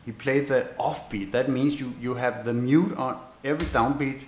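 A man giving a bass lesson, explaining in a halting way with many fillers and restarts and counting beats aloud. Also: a little hiss or hum. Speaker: bass teacher. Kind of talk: instrument lesson demonstration. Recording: roomy echo with loud bass playing.

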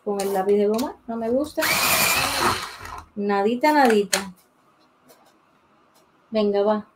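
During a live drawing tutorial, a woman with a medium-pitched voice talks a little fast, thinking aloud and greeting viewers by name as she sketches casually. Her desk mic sits beside the pencil sharpener, and there's heavy background noise.

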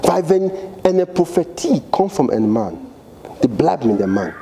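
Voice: medium pitch, very animated, unhurried, mellow, a little hiss or hum. A preacher giving a sermon in a church, repeating phrases for emphasis and asking the congregation to fill in missing words. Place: church hall.

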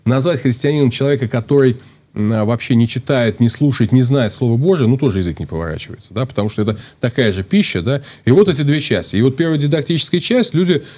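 On a studio talk show, a priest in his thirties wearing a lapel mic explains at length, thinking aloud with many restarts and fillers. His medium-pitched voice is expressive and darkish, delivered at a quick pace.

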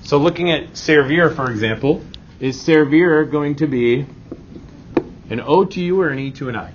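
In dull lo-fi audio with clear background noise, a man who teaches Spanish walks through a grammar lesson at normal speed in a slightly high voice. He keeps the classroom tone informal and reassuring, checking in often with quick rhetorical questions.

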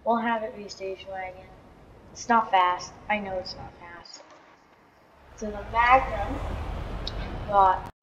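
A tired woman hosting a gaming channel speaks a little slowly at medium pitch, leaving long pauses. Her voice is scratchy from the morning, the sound is lo-fi, and racing game engines roar loudly underneath her chatty, thinking-aloud commentary and launch countdowns.

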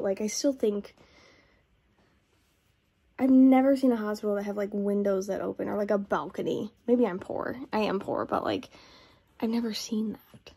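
A woman's voice: a little high, warm tone, slightly rough. A woman book vlogger in a casual review chat, retelling a plot in a rambling way and saying "like" often.

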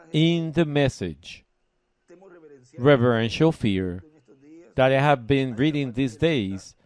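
Male preacher from Puerto Rico, mid-pitched, delivers a sermon in measured, emphatic phrases with pauses between them. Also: a little mellow. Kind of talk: sermon, reading and explaining scripture. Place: church service.

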